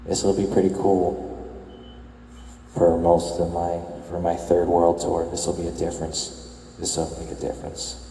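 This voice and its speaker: A young man giving a soft-spoken, reflective voice-over as he tours a game world, musing hesitantly and correcting himself as he goes. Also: completely flat delivery, moderate pace, gravelly, reverberant, long reverb tail, slight background noise, low-quality recording. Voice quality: soft, low-key murmur. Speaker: video game tour vlogger.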